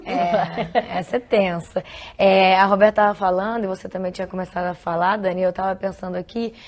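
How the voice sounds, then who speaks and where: A Brazilian woman in a mid-pitched voice talks as a guest on a studio talk show. She explains her points steadily and at length. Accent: Brazilian Portuguese. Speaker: guest specialist.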